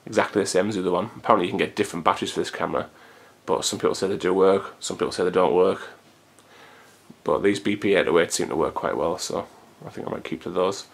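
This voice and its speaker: A deep-voiced man in his thirties talks to a home camcorder, loose and rambling. His voice sits low with a gravelly fry running through it, and he swears now and then in an easy, everyday way. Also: quick pace. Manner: rambling, chatty, swears casually. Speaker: vlogger. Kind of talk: casual chat to camera. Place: hot room at home. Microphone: camcorder built-in mic.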